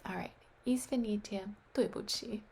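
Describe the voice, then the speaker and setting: Here a language learner, a woman, runs through foreign phrases out loud at a moderate pace, frequently whispering and saying words over again. Her mid-range voice is a little mellow, with a faint hiss or hum in the recording. She sounds unsure of herself, second-guessing her pronunciation in a self-deprecating way.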